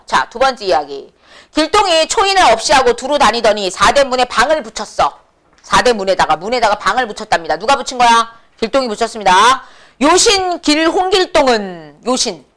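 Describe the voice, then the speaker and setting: Brisk woman lecturing on classic prose. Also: a little high, a bit bright. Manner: brisk, colloquial, answers her own questions. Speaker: Korean literature teacher. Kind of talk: lecture with call-and-response questions.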